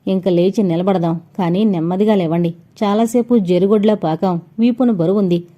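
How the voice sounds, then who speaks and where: Woman narrator doing a steady young male explorer, calm orders, very mellow dark tone, storybook audio. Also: mid-range voice, moderate pace, lo-fi sound, lightly acted. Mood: commanding. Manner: calm, commanding instructions. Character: confident young male cave explorer leading friends.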